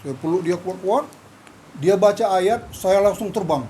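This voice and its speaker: This Medan, Indonesia man recounts his own experience in an interview at a measured pace, voicing each character's dialogue with lively pitch jumps in his fairly high voice. The low-quality recording has a faint hiss beneath it.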